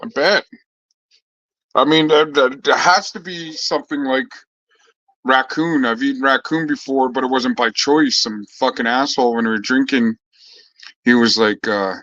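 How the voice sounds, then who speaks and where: A man's voice: medium pitch, normal speed, sharp tone, no room sound, lo-fi sound. A man chatting casually on a live stream, answering viewers in a laid-back, slangy way, swearing freely and laughing often as he tells stories.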